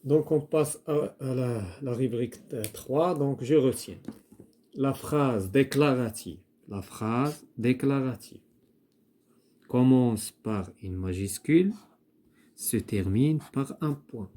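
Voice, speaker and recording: Male schoolteacher, slow repetitive explainer, warm low-key tone. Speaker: teacher. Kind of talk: primary-school grammar lesson, writing on a board.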